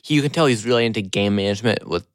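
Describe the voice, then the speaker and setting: Young man, podcast co-host, fast football talk, casual, dry close sound. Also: lowish voice, no room sound. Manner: quick, knowledgeable football talk. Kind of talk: casual sports chat.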